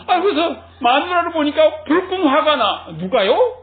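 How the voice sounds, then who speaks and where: A man's voice: extremely high pitch, sing-song, unhurried. A male pastor preaching a sermon, telling stories animatedly and laughing often. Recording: tinny phone-like recording.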